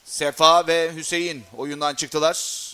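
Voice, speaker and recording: A man giving excited live play-by-play football commentary, rising to shouts and screams at goals and chances. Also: a little high, slow, smooth.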